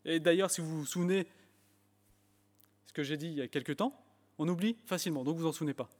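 In a church hall, a man preaches a sermon in French with an English accent, fast and fairly high-voiced with a darkish tone. He gets emphatic at times and restarts phrases with fillers, and the hall's long reverb fills the recording.

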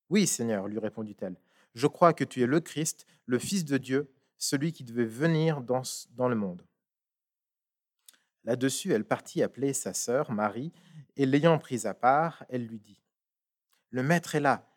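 Man reading scripture and preaching. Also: medium pitch. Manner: measured, emphatic, with restarts.

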